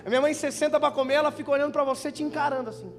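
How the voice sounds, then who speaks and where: A young Brazilian pastor with a high voice and a Brazilian Portuguese accent delivers a lively sermon at a youth conference, racing along with fairly even intonation. He jokes, tells stories and calls his listeners brother, while music plays beneath the live church recording with its long reverb tail.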